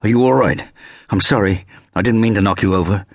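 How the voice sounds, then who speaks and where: A man's voice: lowish voice, fairly quick, gravelly, dry recording, studio quality, voice pushed up. A man voicing a lean, strong fisherman who speaks earnestly and politely in an audiobook. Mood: concerned. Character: lean strong fisherman, reserved but caring.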